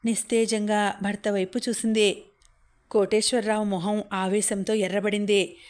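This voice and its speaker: A woman narrating a novel aloud in a measured, scripted storytelling manner. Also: medium pitch, flat delivery, a little mellow. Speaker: audio-book narrator.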